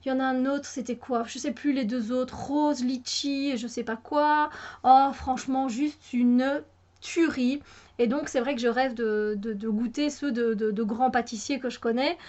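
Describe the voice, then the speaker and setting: A Belgian woman with a high voice talks casually to her viewers, stumbling through restarts and fillers as she goes. Her Belgian French accent colours the chat. The recording is a little dull and lo-fi. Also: fairly even intonation, normal speed, a little mellow. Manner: chatty, hesitant with many fillers and restarts. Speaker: YouTuber.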